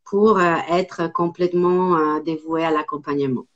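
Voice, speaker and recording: A woman in her forties from Italy with an Italian accent, speaking as an interview guest, hesitant with many pauses and fillers. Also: sits low, steady tone, highs cut off. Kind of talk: casual interview.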